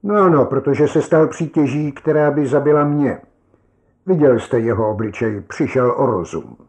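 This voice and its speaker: A man's voice: medium pitch, a little mellow, voice pushed up, lightly acted. A man voicing a weary, grim soldier stranded in endless rain, speaking bluntly and with bitter resignation. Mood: hard, resigned.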